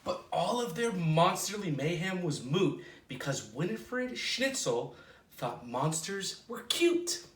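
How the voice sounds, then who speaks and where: A man hosting a children's storytime, reading a picture book aloud in an expressive, playful way with drawn-out dramatic words. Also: high-pitched. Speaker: children's storytime host at a library. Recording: roomy echo, distant microphone.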